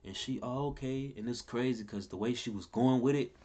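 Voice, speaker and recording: A young man telling a rambling personal story in casual talk, repeating himself and cursing. His voice leaps higher and louder when he reacts. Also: fairly even intonation, brisk, slightly rough. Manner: pitch and loudness jump wildly when he quotes or reacts. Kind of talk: casual story time vlog. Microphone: camera mic at close range.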